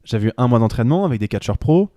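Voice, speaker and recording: A man, chatting as a podcast guest and tumbling through quick sentences full of restarts and fillers. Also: medium pitch, animated, dark tone, dry recording, clean studio sound. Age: 30s. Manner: rapid, tumbling speech with many restarts and fillers. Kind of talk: casual chat.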